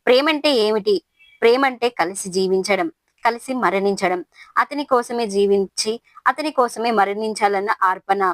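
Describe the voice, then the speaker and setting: Woman voicing a dreamy young elder sister, soft and close. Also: mid-range voice, moderate pace, no echo, natural voice. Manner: soft and dreamy about love, snappish when startled.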